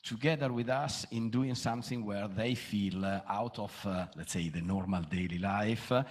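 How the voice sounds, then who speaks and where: Hesitant low-voiced manager, a man. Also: normal speed. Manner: hesitant, many "uh" fillers, non-native English. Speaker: conference panelist, company manager. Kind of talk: unscripted panel answer.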